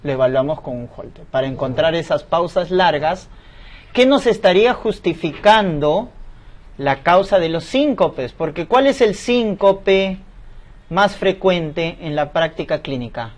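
High-voiced man tutoring medical exam questions. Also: lively intonation, a little slow. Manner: explanatory, asks and answers his own questions.

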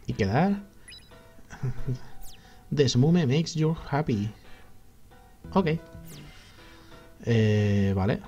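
A man's voice: mid-range voice, animated, very slow, long pauses, warm tone, lo-fi sound, soft background music. Spanish man swearing through game commentary. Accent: Spain. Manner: swearing, frustrated outbursts. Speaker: gaming youtuber. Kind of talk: let's play commentary.

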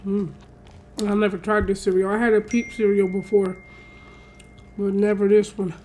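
A woman's voice: medium pitch, little pitch movement, moderate pace, warm tone, slight background noise. A woman doing casual eating ASMR as a mukbang host, making short remarks and murmured hums between bites.

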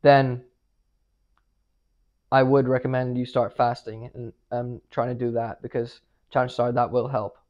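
A man's voice: medium pitch, little pitch movement, unhurried, dull audio. A young man giving casual fitness advice to a handheld camera, blunt and profane, with fillers and restarts. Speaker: fitness vlogger. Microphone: handheld camera, shaky.

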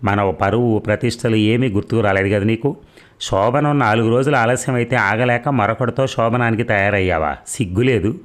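Storybook reading: a man voicing an indignant middle-aged father who scolds, low-pitched. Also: normal speed, lightly acted. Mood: scolding, indignant.

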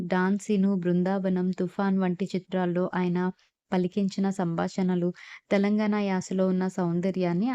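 A woman narrating a scripted biography, reading facts and long lists at a steady, even pace. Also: mid-range voice, no echo, highs cut off.

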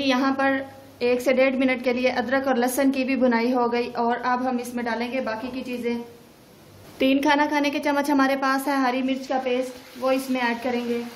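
A woman's voice: high-pitched, echoey room, slight background noise, low-quality recording. A woman, a cooking channel host, talking through a recipe step by step in a voice-over. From Pakistan. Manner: steady step-by-step instructions.

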